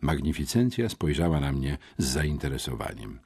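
A man reading a children's book aloud in first person, expressive and wry. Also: very deep voice, normal speed, slightly rough. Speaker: audiobook narrator.

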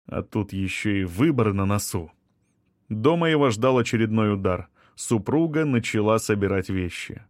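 A man giving a steady, measured audiobook narration. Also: fairly low pitch, no echo, studio quality. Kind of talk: scripted narration.

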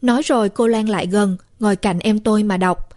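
A woman narrating a first-person horror story in a measured, steady storytelling voice. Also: medium pitch. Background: faint music.

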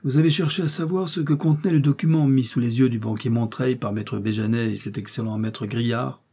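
A man voicing a rough, defiant male master criminal with a coarse, jeering way of talking, in an audiobook reading. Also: medium pitch, a little fast, dark tone. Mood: taunting. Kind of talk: audiobook character voice.

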